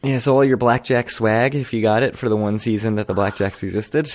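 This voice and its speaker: Very low-voiced male podcast co-host from Maryland, wry, dry close sound. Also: fairly even intonation, brisk, darkish tone, no room sound. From Prince George's County, Maryland. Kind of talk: casual chat.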